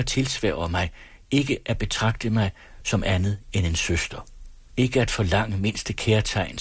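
Man voicing a gentle secretive young bride, husky, solemn, low and dry. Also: dry recording. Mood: pleading. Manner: solemn, pleading. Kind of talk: audiobook dialogue reading.

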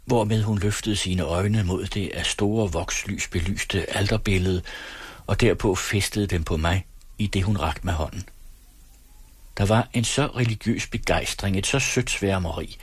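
Husky man, low voice, measured first-person audiobook reading, dry close sound. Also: dry recording. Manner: measured, earnest storytelling. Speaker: narrator.

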